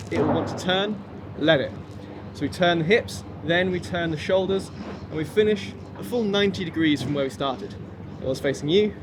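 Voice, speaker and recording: A man instructing a kung fu class, encouraging and informal, giving step-by-step commands and counts. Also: high voice. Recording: noisy outdoor recording with traffic ambience.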